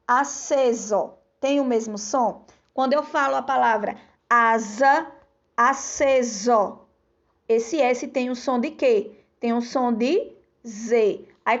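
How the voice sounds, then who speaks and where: A Brazilian woman teacher giving a recorded lesson to children, patiently repeating sounds and syllables. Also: high-pitched. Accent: Brazilian Portuguese. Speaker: primary school teacher. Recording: dull lo-fi recording.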